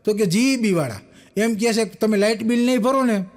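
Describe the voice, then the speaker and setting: A man's voice: high-pitched, brisk. A young man, telling jokes on a live stage and acting out the people in them. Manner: animated storyteller acting out quoted characters. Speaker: stand-up comedian telling jokes. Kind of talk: Gujarati folk stage joke-telling. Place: live stage show with audience.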